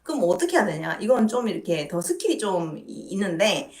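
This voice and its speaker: A woman's voice: mid-range voice, sing-song, fairly quick, darkish tone. A woman giving casual dating advice on a stream, playful and chatty, often acting out quoted lines. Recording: roomy echo with faint music behind.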